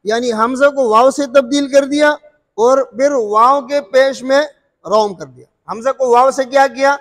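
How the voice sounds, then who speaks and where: A man with a strikingly high voice teaches recitation rules in a patient, repetitive way. He keeps asking whether his students follow and slips in "what's it called" as a filler. His voice carries a long reverberant tail. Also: fairly even intonation, a bit bright. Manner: repeats terms and quizzes listeners, drawn-out sung examples.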